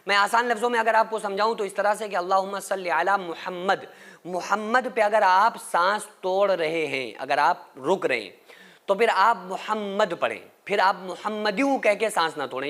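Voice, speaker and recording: A man giving a religious lesson. He explains how to recite a prayer and repeats each Arabic phrase slowly and deliberately to correct pronunciation. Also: sits high, sharp tone. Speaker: Islamic scholar teaching prayer recitation.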